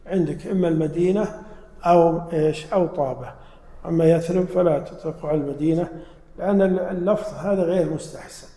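A man's voice: on the high side, fairly even intonation, fast talker, dark tone. A man giving an explanatory religious lesson. He asks his listeners questions and then answers them himself. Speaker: religious teacher. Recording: roomy hall with long reverb.

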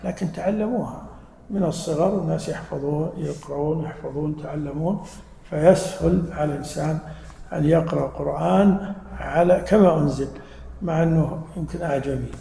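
Gravelly teacher in echoing hall. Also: male voice, a little high, a little fast, warm tone, a little hiss or hum. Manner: explains patiently, quizzing listeners with questions. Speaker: religious teacher. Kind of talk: mosque lesson to a live audience. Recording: echoey hall with long reverb.

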